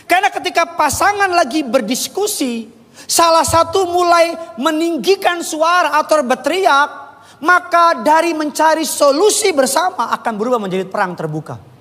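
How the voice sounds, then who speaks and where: A man preaching a sermon, animated and jokey, slipping into playful voices and regional slang. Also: very high voice, normal speed. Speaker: pastor. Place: church hall. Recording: long church reverb.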